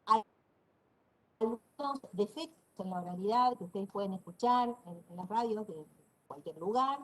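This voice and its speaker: A university lecturer from Corrientes, Argentina, with a northeastern Argentine Spanish accent, gives an online class, explaining and demonstrating pronunciations aloud. Her mid-range voice has lively intonation at a normal speed, though the recording quality is low.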